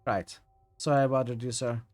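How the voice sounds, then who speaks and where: A man's voice: medium pitch, steady tone, brisk, darkish tone, faint music behind, close to an everyday voice. A man voicing a polite, deferential young male cadet who speaks formally, like a butler, and keeps calling others sir. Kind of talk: voicing a character while playing a video game.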